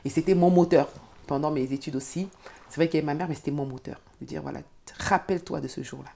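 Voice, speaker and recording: Middle-aged lady, low voice, tells her story all animated, does the voices. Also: fast talker, gravelly, slight background noise. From Cameroon. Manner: animated storyteller who acts out quotes. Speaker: guest. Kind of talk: personal storytelling.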